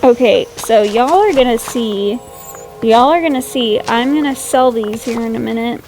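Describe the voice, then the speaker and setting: A woman's voice: on the high side, moderate pace, darkish tone, faint music behind, low-quality recording. A woman chatting casually over her gameplay, rambling and self-deprecating, sleepy and yawning late at night. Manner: gushes over cute animals. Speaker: gaming YouTuber.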